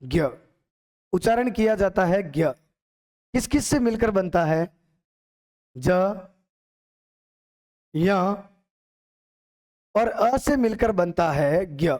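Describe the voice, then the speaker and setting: A man's voice: high-pitched, expressive, slow pace, long pauses, darkish tone. A young man teaching a grammar lesson, asking questions and answering them himself as if a student had asked.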